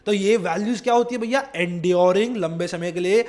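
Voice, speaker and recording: A young man with an Indian accent teaching a psychology class online, energetic and fast-talking, often quizzing his students. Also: high-pitched. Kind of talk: online class lecture in Hinglish.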